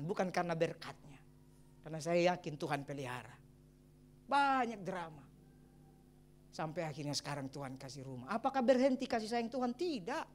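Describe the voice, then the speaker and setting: A middle-aged man, a pastor, preaching a sermon and telling his own story in a lively way with exclamations and chuckles. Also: a little high. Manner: addresses the congregation as brothers and sisters. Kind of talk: sermon with personal testimony.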